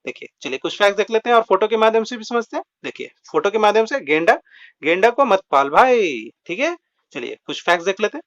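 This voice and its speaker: A man with a fairly high, animated voice walks learners through a quiz lesson on exam facts. He keeps saying "friends" and "okay" as he explains rhyming memory tricks. The recording is dull and lo-fi. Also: quick pace. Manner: repeats filler words like "dosto" and "theek hai"; explains with rhymes and mnemonic tricks. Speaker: GK quiz teacher.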